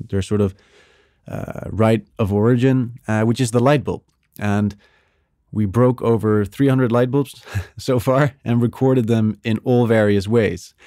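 A man's voice: lowish voice, warm tone, no echo, studio quality. A man speaking as a guest in a podcast interview, explaining his work enthusiastically and acting out little sound examples with his voice. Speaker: strategy director at a music agency, podcast guest. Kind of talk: casual interview talk.

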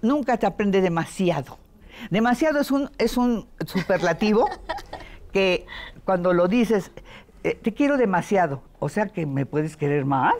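An older woman with a Mexican Spanish accent, a veteran voice actress chatting in an interview, telling lively stories and mimicking voices. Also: medium pitch, measured pace. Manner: lively storytelling with playful voice imitations. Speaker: voice actress and dubbing director. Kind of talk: casual interview chat.

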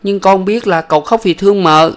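A man's voice: high-pitched, fairly quick, voice pushed up, lightly acted. A man voicing an earnest, talkative young boy in a storybook reading. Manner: eager, pleading, childlike.

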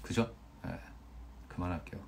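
A man's voice: moderate pace, slight background noise. A young man in his twenties casually chatting on a phone livestream, playfully reading out viewer usernames and joking when he stumbles over them. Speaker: actor hosting a fan livestream.

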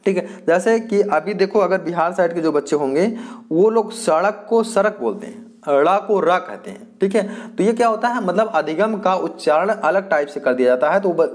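Higher-pitched male teacher lecturing. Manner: repeats points, asks the class questions and answers them himself; hesitant, with fillers and restarts. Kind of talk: exam-prep lecture.

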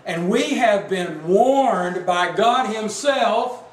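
A man preaches a sermon in a slow, deliberate way, leaning hard on his points and tossing questions out to his listeners. His voice sits high for a man. He sounds set back from the mic in a roomy hall, with a faint hiss behind him. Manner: emphatic, asks the congregation questions. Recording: echoey room, mic at a distance, faint background noise.

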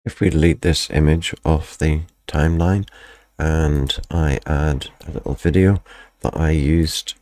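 A man with an extremely deep, low voice guides viewers through a screen-recorded software editing tutorial step by step. Calm and methodical at a measured pace, he has a slight croak left over from the flu. The recording is dry and close, with no room echo.

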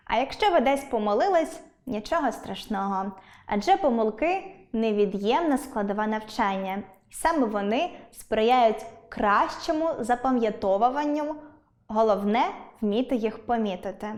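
A woman teaching an online school language lesson, speaking clearly and deliberately and stressing her example words. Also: a little high.

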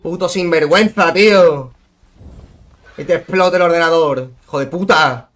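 A man's voice: a little high, moderate pace, fairly bright tone. A young man streaming a game, swearing and ranting at opponents between sarcastic mutters. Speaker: gaming streamer. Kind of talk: live gameplay commentary.

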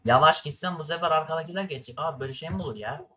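A man's voice: on the high side, very fast, sharp tone, highs cut off, slight background noise. A young man from Turkey commentating his racing game for viewers, ranting and cursing at it in frustration. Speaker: gaming streamer. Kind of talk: gameplay commentary.

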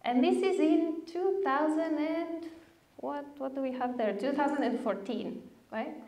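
A Bulgarian woman in her thirties gives an enthusiastic, chatty conference talk at a podium mic on a stand in a large lecture hall with roomy sound. Her voice is high and warm at a measured pace, and she often checks in with the audience with "right?" and "okay?".

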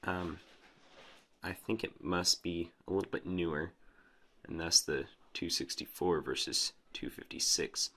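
A man's voice: sits low, fairly even intonation, measured pace, sharp tone. A man presenting a casual electronics demo, explaining as he goes like a hobbyist.

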